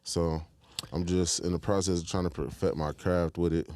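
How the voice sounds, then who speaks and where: A man's voice: sits low, flat delivery, normal speed, a little mellow, no echo. A young man from Michigan, a rapper guest on a podcast, talking in a laid-back, slangy way and often asking if the listener follows him. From Detroit, Michigan, US. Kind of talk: casual interview chat.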